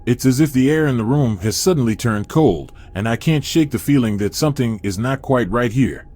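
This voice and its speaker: Male narrator, mid pitch, steady first-person horror storytelling. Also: brisk.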